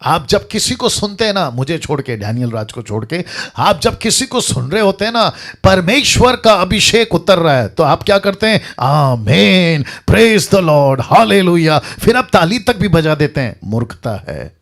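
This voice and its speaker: A man's voice: high voice, lively intonation, normal speed, few pauses, fairly bright tone. A man preaching a sermon as a pastor, emphatic and repeating lines for effect.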